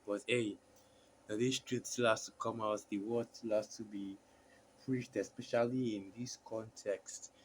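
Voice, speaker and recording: A man with a fairly low, hoarse voice, strained by a sore throat, preaches with little pitch movement, reading scripture haltingly amid many fillers and restarts. Slight background noise comes through on a low-quality recording.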